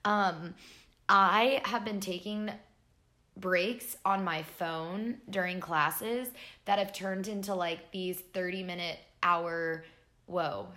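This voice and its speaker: A woman's voice: on the low side, steady tone, slow, pushed and bright, echoey room. A woman in her twenties co-hosting a podcast, chatting casually over wine with lots of "like" and easy laughter. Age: 20s. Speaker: podcast co-host.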